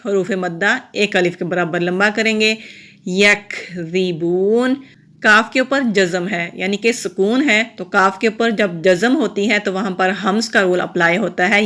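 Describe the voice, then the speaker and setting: A woman's voice: medium pitch, fairly bright tone. A woman, a Quran recitation teacher going patiently through each letter and rule step by step. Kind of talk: step-by-step tajweed lesson.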